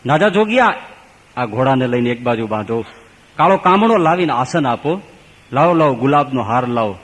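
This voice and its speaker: A man's voice: mid-range voice, lively intonation, fairly quick, close to an everyday voice. A man voicing a gracious holy master who welcomes a guest and gives orders to servants, in a sermon. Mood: welcoming. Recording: hall with long reverb.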